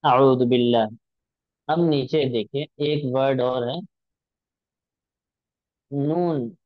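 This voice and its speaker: Slow, patient male recitation teacher. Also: medium pitch, steady tone, no echo, phone-quality sound. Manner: patient, drawn-out demonstrations of sounds. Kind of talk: recitation lesson.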